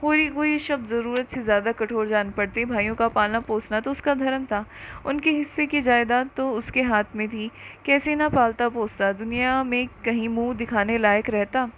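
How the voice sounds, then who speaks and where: A woman narrating a novel aloud in an even, literary storytelling manner. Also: fairly high pitch, normal speed, slight background noise, rough recording.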